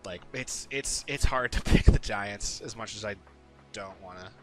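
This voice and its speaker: A man's voice: lowish voice, a little slow, faint music behind. A man casually talking through his weekly game picks, rambling with lots of ums and some swearing. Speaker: sports picks video host. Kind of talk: casual solo commentary.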